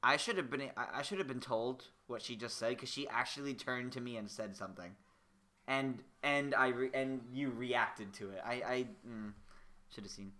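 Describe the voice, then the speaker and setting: A man's voice: medium pitch, normal speed, pushed and bright. A young man streaming a video game, chatting casually and rambling through stories. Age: young adult. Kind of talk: casual let's-play chat.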